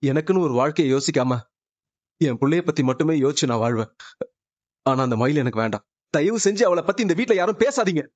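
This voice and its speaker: A man's voice: a little high, lively intonation, fast, no room sound, natural voice. An actor playing a grown son who pleads with his parents, close to sobbing, in a Tamil serial drama. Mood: pleading. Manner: pleading, breaking into sobs. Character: grown son refusing his estranged wife, anguished. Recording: dull muffled TV-serial audio.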